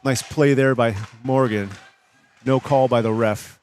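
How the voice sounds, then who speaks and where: A man calling a hockey game live, play-by-play in a brisk, steady voice of middling pitch. He climbs higher and louder when a shot comes in, and a faint hum sits behind him. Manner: brisk, rises in pitch on big plays. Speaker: play-by-play commentator.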